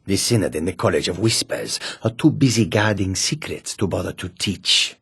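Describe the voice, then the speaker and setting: A proud, courteous catfolk mage and warrior speaks in a deep, husky, self-assured male voice, heavily acted at a moderate pace with no room sound. Formal and confident, he refers to himself in the third person in this video game character dialogue.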